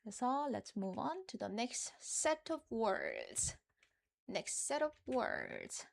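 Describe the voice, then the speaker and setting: A woman with a Korean accent, a native Korean speaker, teaching a live-streamed language lesson and repeating words slowly for learners. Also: fairly high pitch, huge pitch swings, creaky.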